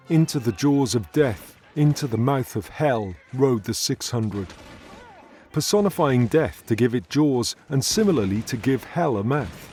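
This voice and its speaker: A man, delivering a scripted poetry tutorial in a measured, earnest way. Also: medium pitch, darkish tone. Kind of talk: scripted educational narration.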